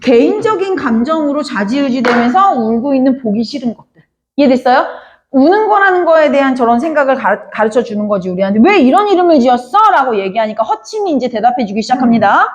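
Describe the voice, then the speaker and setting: A woman's voice: sits high, expressive, quick pace. A woman teaching a classroom literature lecture, often calling out to her students and asking whether they understood. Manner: addresses students often, asks many check questions.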